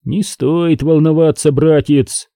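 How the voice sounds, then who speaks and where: A man's voice: a little high, steady tone, takes it slowly, mellow, no echo, clean studio sound, pitched above the performer's own voice. A man voicing an eerie, friendly dead brother who talks in a coaxing, lazily smiling way.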